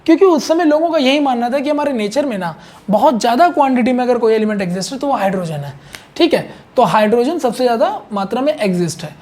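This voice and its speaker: A man's voice: very high-pitched, animated, quick pace, darkish tone. A man teaching a chemistry lesson in a conversational, repetitive way, often checking in with his students. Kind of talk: explanatory online chemistry lesson.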